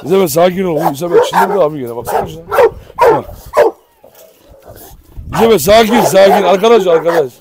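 A man's voice: sits high, very animated, fairly quick, gravelly, pauses often, very noisy. A man filming on his dog farm, chatting casually to viewers and calling commands to the dogs, with barking behind him. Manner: affectionate, shouts commands at dogs. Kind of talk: casual commentary while handling dogs.

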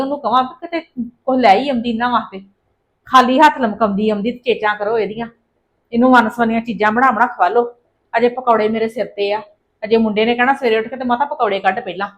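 A woman playing a complaining, sharp-tongued daughter-in-law in a family drama. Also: fairly high pitch, natural voice. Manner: complaining, sarcastic, mutters asides.

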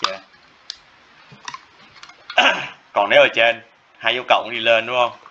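During a classroom math lecture, a man speaks in a mid-range voice at a measured pace, bright and forceful, repeating phrases and frequently asking whether students are keeping up. The recording is dull and lo-fi, with faint noise.

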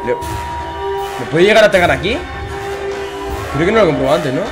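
A young man with a Spain Spanish accent narrates his gameplay in a fairly high, very lively voice. He swings from low muttering to shouted outbursts and repeats his phrases rapidly. Faint game music plays underneath. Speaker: gaming youtuber. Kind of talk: gameplay commentary.

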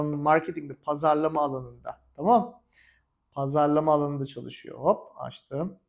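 A man with a Turkish accent teaching a casual spoken English lesson, energetic, slipping English phrases into his Turkish. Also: a little high.

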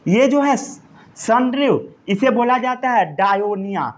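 A male science teacher with an Indian accent lectures a class in a high voice. He goes slowly, asks quick check questions and repeats each point so students can write it down. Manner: repeats points, quizzes the class, dictates notes.

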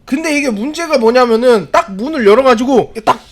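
A man's voice: very high voice, a little fast. A man reviewing a drama episode in a comedic, rambling way, acting out scenes as he goes. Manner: animated, acts out scenes, rambling asides. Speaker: video reviewer.

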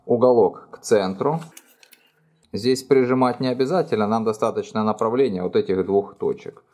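Calm low-voiced man teaching origami. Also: normal speed. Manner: calm, plain, explaining each fold. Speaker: origami instructor. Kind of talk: step-by-step craft tutorial. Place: indoors at a wooden table. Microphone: overhead camera framing hands only.

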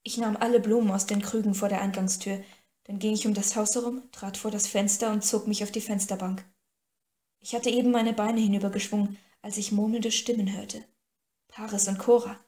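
A woman reads an audiobook in first person, mid-pitched and calm. Her storytelling is steady and even. The recording has an echo from the room. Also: a little fast. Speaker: audiobook narrator. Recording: echoey room.

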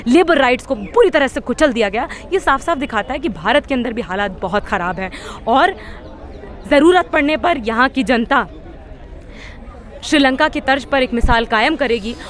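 A woman's voice: high-pitched, lively intonation, normal speed. A young woman activist gives an impassioned interview at an outdoor street protest, speaking into several press mics with rhetorical force and frequent restarts. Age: young adult. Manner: fiery, rhetorical, many fillers and restarts. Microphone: several handheld press mics held close.

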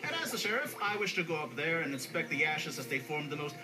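An actor playing a scheming, grandiose little cartoon villain, theatrical and mock-polite, heard from a television. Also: male voice, on the high side, lively intonation, quick pace, close to an everyday voice, poor audio. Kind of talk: animated cartoon acting. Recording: played from a television, re-recorded. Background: cartoon music.

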